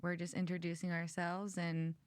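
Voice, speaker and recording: A woman's voice: fairly low pitch, monotone, moderate pace, clear, resonant tone, no echo. A woman in her twenties hosting a podcast, chatting casually and giggling, with lots of "like" and "um". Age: 20s. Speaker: podcast host. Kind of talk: casual chat.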